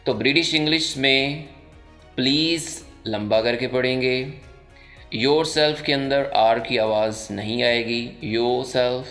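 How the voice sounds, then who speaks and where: Pakistani man teaching pronunciation slowly. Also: medium pitch, fairly bright tone, faint music behind. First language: Urdu. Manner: explains slowly, repeats example words several times. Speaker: English teacher. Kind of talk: pronunciation lesson.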